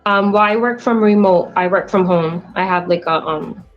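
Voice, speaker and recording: A woman in her late twenties calling into a show, speaking hesitantly with many pauses and ums. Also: on the low side, faint music behind. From United States. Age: 20s. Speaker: caller. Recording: dull lo-fi call audio.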